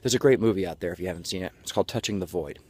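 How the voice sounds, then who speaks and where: A man's voice: sits low, very fast, darkish tone. A man delivering a halftime pep speech as a motivational coach, breathless from exertion and talking in a folksy, jokey way. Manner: breathless from exertion while walking; folksy, jokey self-narration in the third person.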